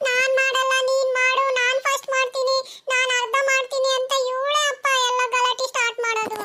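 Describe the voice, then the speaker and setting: A woman's voice: extremely high pitch, flat delivery, brisk, sharp tone, a little hiss or hum. A woman voicing a young cartoon daughter who pleads and complains to her father. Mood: pleading. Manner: pleading, whining.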